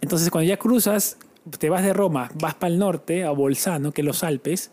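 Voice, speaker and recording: A man co-hosting a relaxed podcast conversation. His voice sits a little high yet sounds mellow and soft-edged. He tells stories with lively energy and slips into playful imitations of foreign speech. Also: normal speed. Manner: animated storyteller, mimics foreign languages. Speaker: podcast co-host. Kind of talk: casual chat.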